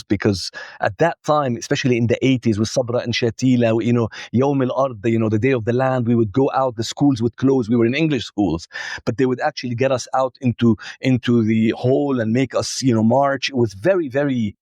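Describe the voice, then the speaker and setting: A man around fifty, raised in Kuwait, speaking as an interview guest and telling his story in an outspoken, animated way with many fillers. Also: mid-range voice, brisk, dry recording. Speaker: guest, film producer. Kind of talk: casual interview conversation.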